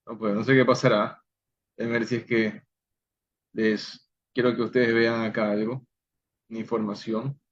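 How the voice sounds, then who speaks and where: A man teaching an online Bible study, slowly and deliberately sounding out Hebrew words for his listeners. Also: lowish voice, flat delivery, lo-fi sound.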